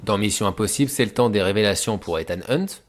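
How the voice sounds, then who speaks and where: A man's voice: fairly low pitch, quick pace. A man hosting a film analysis show, narrating a scripted video essay in an informal way that addresses viewers directly. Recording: voice-over with music behind.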